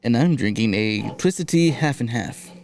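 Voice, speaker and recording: A young man co-hosting a podcast talks in a laid-back way, mostly tossing in short agreeing replies. His voice is gravelly with plenty of fry, at a middle pitch. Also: expressive, unhurried, a little mellow. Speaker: podcast co-host. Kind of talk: casual chat.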